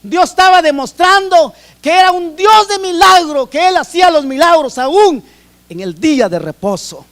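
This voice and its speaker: A man's voice: very high-pitched, animated, normal speed, fairly bright tone. A man from Guatemala with a Guatemalan accent, preaching a sermon in an earnest way, often repeating and restarting phrases. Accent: Guatemalan Spanish.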